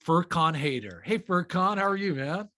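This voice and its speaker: A man's voice: high-pitched, big pitch swings, normal speed, pushed and bright, no echo, clean studio sound. A man hosting an online interview, upbeat and chummy with his guest. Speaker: interview host.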